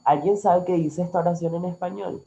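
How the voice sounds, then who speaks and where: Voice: mid-range voice, steady tone, fast, creaky, warm tone, highs cut off. An English teacher with a Latin American Spanish accent, a native Spanish speaker, leading an interactive online class in an encouraging, instructive manner. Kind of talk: interactive online language lesson.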